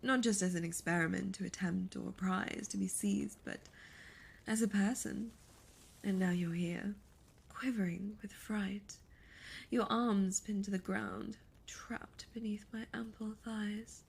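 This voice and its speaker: A woman plays a seductive, imperious demon succubus in an ASMR roleplay, breathy and often whispering, her diction formal, teasing, and menacing. Her medium-pitched voice is unhurried and fairly even, and the mood is intimate yet menacing.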